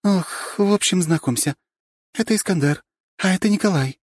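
A man's voice: high-pitched, moderate pace, husky, pitched above the performer's own voice. A man voicing a stern, scolding young woman who heads the student council. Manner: strict, scolding.

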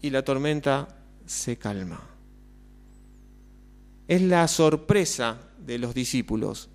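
A man with a Rioplatense accent preaching a sermon as pastor, measured and full of rhetorical questions. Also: medium pitch, expressive. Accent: Rioplatense Spanish.

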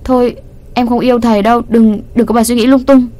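A woman voicing a quick-tempered teenage schoolgirl in a storybook reading, sharp-tongued and easily riled. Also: a little high, flat delivery, voice pushed up, lightly acted. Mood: flustered.

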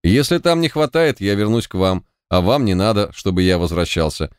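A man voicing a blunt, impatient male player who talks in a gruff, threatening way. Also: on the low side, lively intonation, moderate pace, no echo, clean studio sound, lightly acted. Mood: menacing.

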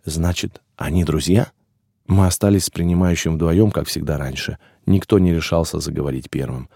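A man reading an audiobook as scripted first-person narration, dramatic and expressive, rising to shouts in tense scenes. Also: very deep voice, normal speed, gravelly, breathy edge, no room sound, clean studio sound.

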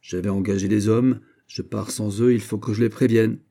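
A bold, courteous veteran musketeer, voiced by a man. He talks in an earnest, soldierly way, with a low, husky, mellow tone, as in a swashbuckling audiobook. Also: fairly even intonation, moderate pace. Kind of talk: audiobook character reading.

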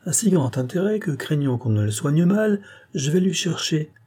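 A man's voice: on the high side, very animated, moderate pace, dark tone, slightly rough, voice pushed up. A man reading as a shrewd grim bailiff. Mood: sly.

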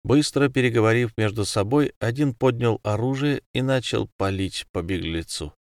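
A man narrating an audiobook in a steady, measured way. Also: medium pitch, no room sound, clean studio sound. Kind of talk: scripted narration.

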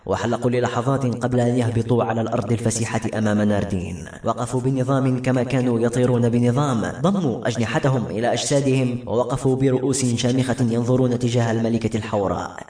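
A man narrating a novel as an audiobook, in an expressive storytelling manner. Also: medium pitch, quick pace. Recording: echoey room.

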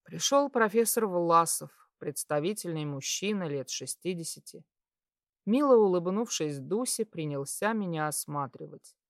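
A woman reading a first-person story aloud in a calm, measured way. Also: lowish voice, dry recording, studio quality. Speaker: audiobook narrator. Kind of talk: scripted first-person narration.

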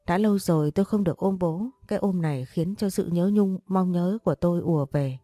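A woman narrating a sad family story in the first person, reading softly with emotion. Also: lowish voice, a little fast, dry recording, studio quality.

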